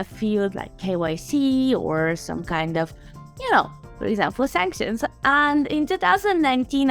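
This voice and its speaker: This Bulgarian woman, a sanctions compliance specialist appearing as a guest, answers interview questions in a fairly high voice. She is animated and chatty and laughs often.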